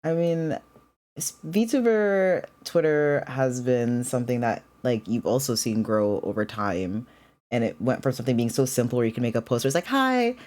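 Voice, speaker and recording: A woman with a low-pitched voice hosts a casual chat interview. She talks in a slangy, effusive way, playfully exaggerating as she goes. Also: moderate pace, warm tone. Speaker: talk show host.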